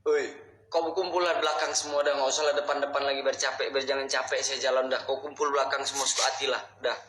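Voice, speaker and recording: A young man hosting a ghost-hunting explore vlog, talking slowly with a questioning tone and often muttering prayers, sometimes dropping to hushed, whispery asides. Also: mid-range voice, flat delivery. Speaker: vlog host exploring a haunted spot. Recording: echoey space with faint background noise.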